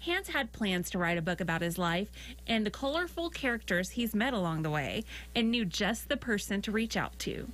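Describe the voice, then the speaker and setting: A woman's voice: mid-range voice, sing-song, normal speed, fairly bright tone. A woman television reporter reading a scripted news package.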